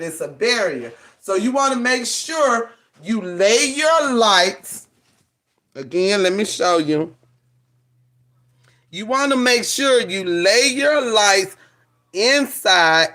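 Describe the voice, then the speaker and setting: His voice sits high, bright and forceful as he leads a casual craft demo on a livestream. He has a Southern US country accent with a rural drawl and repeats the important instructions with emphasis.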